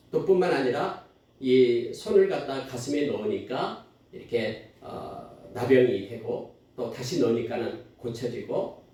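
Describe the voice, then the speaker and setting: A man's voice: mid-range voice, darkish tone. A male pastor preaching a sermon, telling the story with animation and acting out the quotes. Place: church sanctuary. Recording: echoey church hall, distant mic.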